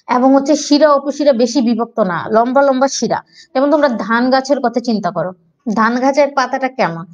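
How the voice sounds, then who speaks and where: A high-pitched woman with a Bangladeshi Bengali accent teaches an online agriculture class. She explains patiently, breaking terms into syllables, heard through a dull, lo-fi recording.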